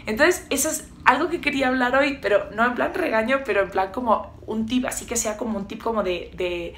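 A young woman vlogger and business coach giving blunt, tough-love motivational advice with animated asides. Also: a little high, brisk, a little hiss or hum. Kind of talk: direct motivational vlog talk.

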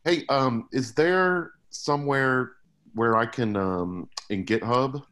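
A man joining a video call to politely ask a question, hesitating with many pauses. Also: mid-range voice, fairly bright tone. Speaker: meetup attendee asking a question.

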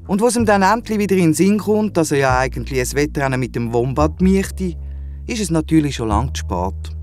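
A man's voice: a little high, lively intonation, a little fast, a little mellow, soft background music. A man with a Swiss German accent narrating a children's audio drama in a playful, chatty way with little asides.

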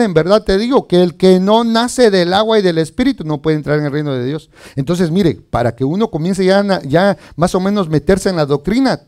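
A man's voice: high voice, a little mellow. A man preaching as pastor, reading scripture and asking the congregation questions in a chatty, conversational way. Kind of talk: sermon.

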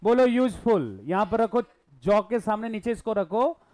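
Male teacher, live class, high smooth voice, dry close sound, unhurried questioning. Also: lively intonation, darkish tone, no room sound. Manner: coaxing, questions students, mixes Hindi and English.

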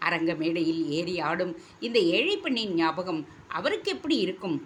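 A woman voicing a proud young female dancer who speaks with hurt, sharp indignation. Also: fairly low pitch, big pitch swings, normal speed, a little hiss or hum. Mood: indignant. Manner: indignant, sharp, tearful reproach. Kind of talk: storybook reading.

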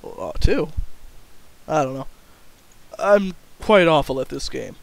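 A young man with a high voice gives casual gameplay commentary as host, and his pitch leaps all over the place. He is excitable and breaks into yelps and shouts at the action on screen. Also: slow, gravelly, no room sound. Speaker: gaming channel host.

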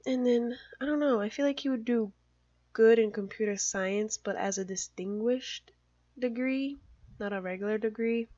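A young mother who makes gaming videos on YouTube chats casually through a let's play, sprinkling in "like" and small giggles. Her voice sits a little high with a dark tone and a moderate pace. The lo-fi recording has no echo.

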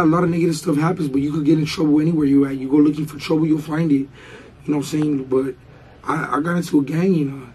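A hoarse young man chats as an interview guest, rambling through slang, fillers and restarts. His voice is husky and a touch high, and it sits in a dark, mellow tone. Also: rough recording. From Baldwin Park, Los Angeles. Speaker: rapper guest. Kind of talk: casual interview chat.

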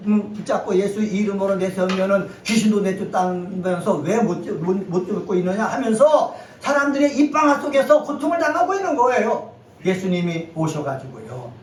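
A male pastor preaching a Sunday sermon with emphatic swells and call-and-response lines for the congregation. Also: high voice. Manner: emphatic preaching, rising to near-shouts at key points. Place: church sanctuary. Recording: echoey hall, voice from a distance, faint noise.

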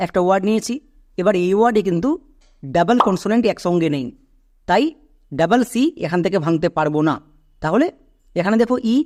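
High-voiced man teaching English spelling. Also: darkish tone. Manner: explains step by step with questions to learners; stretches out syllables when sounding words. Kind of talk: spoken lesson.

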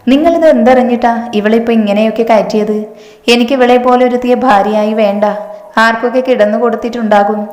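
A woman's voice: fairly high pitch, steady tone, fairly quick, lightly acted. Scornful angry young man, read by a woman. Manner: shouting, scornful. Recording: echoey room with long reverb.

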